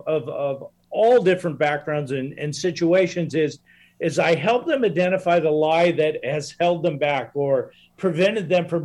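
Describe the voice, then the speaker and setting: Earnest man with a slightly high voice. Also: darkish tone. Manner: earnest, reflective. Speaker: guest, life coach. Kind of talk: casual interview conversation.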